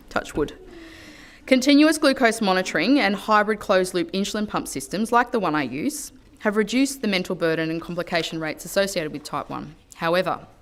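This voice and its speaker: An Australian woman politician delivering a formal parliamentary speech in an earnest, measured way at a lectern microphone in a legislative chamber. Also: lowish voice.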